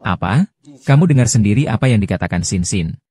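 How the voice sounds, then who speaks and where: A man with a low, dark and mellow voice reads out a drama recap. He gives every character's lines in the same even voice. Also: a little fast, slightly rough, no echo, clean studio sound.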